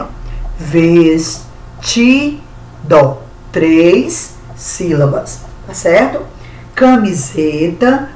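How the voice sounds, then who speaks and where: Brazilian woman teacher, young-kids remote lesson, unhurried and patient, echoey far-off room sound with faint background noise. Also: medium pitch. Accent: Brazilian Portuguese. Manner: slow, patient, drawn-out syllables for kids. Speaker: schoolteacher. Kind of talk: recorded remote class for young children.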